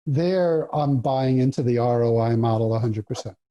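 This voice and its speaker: Professor guest, mellow warm voice, kinda halting, repeats himself. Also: male voice, mid-range voice, lo-fi sound. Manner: halting, repeats his words. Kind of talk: casual interview chat.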